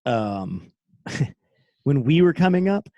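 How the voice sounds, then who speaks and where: A middle-aged man, a former special forces operator, speaking as a podcast guest in casual conversation, candid and quick to laugh. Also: mid-range voice, very animated, mellow, no room sound, lo-fi sound. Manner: candid, laughs often, trails off and restarts.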